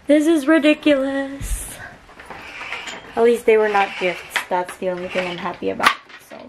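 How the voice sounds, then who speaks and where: A young woman chatting casually to camera in a vlog, her voice hoarse and partly gone. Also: medium pitch, slight background noise, poor audio. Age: young adult. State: voice partly gone after a party. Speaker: vlogger. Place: small bedroom, indoors. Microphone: camera at arm's length.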